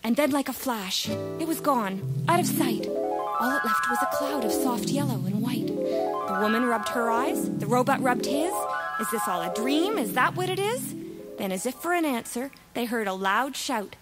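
A woman narrating a rhyming children's story in a lively, expressive, sing-song way. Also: on the high side, moderate pace. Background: music.

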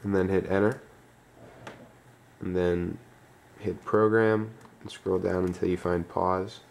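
A man giving a step-by-step tutorial, dictating instructions in short, clipped fragments with pauses between them. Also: deep voice, steady tone, creaky, darkish tone, a little hiss or hum. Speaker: tutorial presenter.

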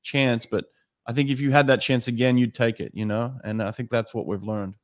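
A man's voice: mid-range voice, steady tone, fairly quick, no room sound, studio quality. A man in his fifties hosting a podcast in a casual, reflective conversational style. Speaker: podcast host. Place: small home studio indoors. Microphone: close boom-arm podcast microphone, headphones.

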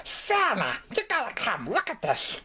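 A young man voicing a grumpy, foul-mouthed little toy penguin with a raspy, abrasive delivery. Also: very high-pitched, huge pitch swings, measured pace, pushed and bright, voice pushed up, full character voice. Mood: bitter. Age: young adult. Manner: abrasive, sarcastic swearing. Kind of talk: amateur puppet comedy skit. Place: small bedroom indoors.

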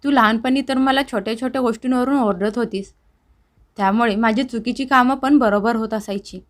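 स्त्री निवेदिका साकारत असलेला पश्चात्तापाने भरलेला कळकळीचा मुलगा. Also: male voice, very high voice, a little fast, fairly bright tone. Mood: pleading. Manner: pleading, earnest and tearful. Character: remorseful grown son, emotional family man.

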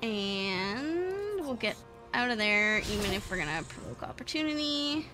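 A woman's voice: a little high, big pitch swings, a little slow. A woman streamer giving playful, chatty live gameplay commentary, swearing now and then and giggling at her own jokes. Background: game music.

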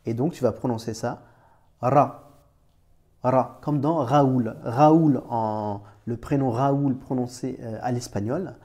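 A man's voice: medium pitch, normal speed, hardly any pauses, dark tone. A man teaching Arabic letters in a chatty, informal way, talking straight to the learner with many restarts. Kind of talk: informal screen-recorded lesson.

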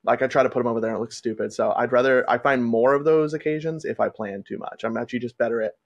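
A man with a gravelly, creaky voice talks loosely about his work as a wedding photographer. His delivery is relaxed and rambling, full of "like" and restarts, as he hosts a laid-back conversation. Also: mid-range voice, fast talker, highs cut off. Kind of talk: casual conversation.

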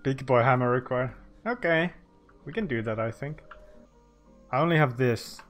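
A man's voice: mid-range voice, moderate pace, fairly bright tone, faint music behind. A young man streaming a video game, chatting casually with viewers, swearing and laughing often. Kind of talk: casual gaming commentary.

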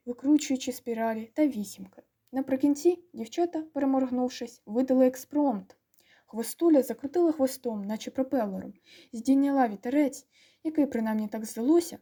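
A woman narrating an audiobook with lively, expressive storytelling. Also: high voice, husky.

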